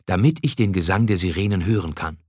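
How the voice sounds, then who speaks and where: A man voicing a desperate, raging Greek king in a storybook, shouting commands. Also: deep voice, fast, husky, no echo, clean studio sound. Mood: commanding. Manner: shouted, commanding, frantic pleading.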